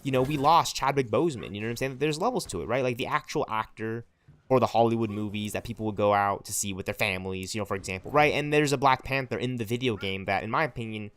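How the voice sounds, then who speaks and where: A man's voice: mid-range voice, fast talker, fairly bright tone. A man in his twenties streaming a game and rambling passionately to his chat, tagging lines with "right?" and "you know what I'm saying?". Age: 20s. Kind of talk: livestream chat with viewers.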